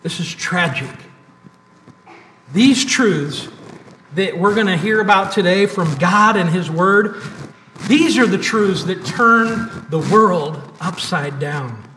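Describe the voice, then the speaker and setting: Slow high-voiced preacher in an echoey church. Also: male voice, lively intonation, pushed and bright, slight background noise. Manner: preaching with emphatic repetition and pauses. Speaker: pastor. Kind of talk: sermon. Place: church sanctuary. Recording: echoey church hall, mic at a distance.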